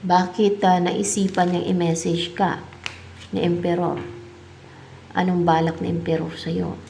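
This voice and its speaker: A woman's voice: fairly low pitch, level tone, unhurried, creaky, mellow, slight background noise. A woman with a Filipino accent giving a tarot reading, musing aloud as she asks and answers her own questions. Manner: mixes English tarot terms into her talk. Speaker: tarot reader.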